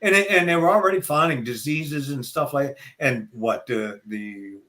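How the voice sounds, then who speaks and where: A man's voice: mid-range voice, a little slow, bright, forceful tone. An older man with a Southern accent, a guest talking in a folksy, rambling, opinionated way during a casual interview. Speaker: guest speaker.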